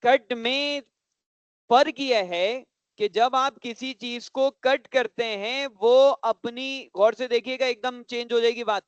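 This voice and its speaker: A man teaching a computer class to children, often stopping to check that the class understands and repeating points slowly. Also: extremely high pitch, fairly even intonation, clear, resonant tone, no room sound, lo-fi sound.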